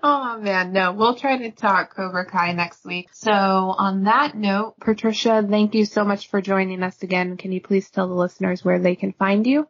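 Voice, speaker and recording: A woman's voice: mid-range voice, fairly even intonation, normal speed, hardly any pauses. Giggly chatty woman podcast host. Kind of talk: casual podcast chat. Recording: dull lo-fi podcast audio.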